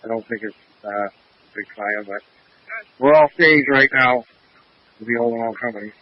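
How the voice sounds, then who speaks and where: A man's voice: medium pitch, moderate pace. A man working as a fire incident commander, giving terse, urgent firefighter orders over a two-way radio. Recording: muffled two-way radio transmission.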